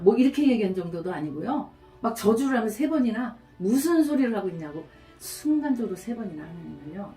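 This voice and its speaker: A middle-aged woman pastor delivering a sermon, telling stories with animated, acted-out quotes. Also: a little high. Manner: storytelling, animated, acts out quotes. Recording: roomy, from a distance, faint music.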